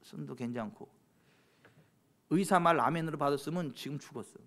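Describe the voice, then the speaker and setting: A man preaching a sermon as pastor, swinging from soft chatty asides to loud fervent exhortation and teasing church members. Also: on the high side, normal speed. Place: church sanctuary.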